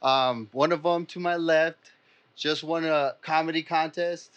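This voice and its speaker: A man's voice: fairly high pitch, fairly even intonation, a little slow, fairly bright tone, smooth, dull audio. A man hosting a casual podcast chat, loose and joking, laughing often. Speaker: podcast host.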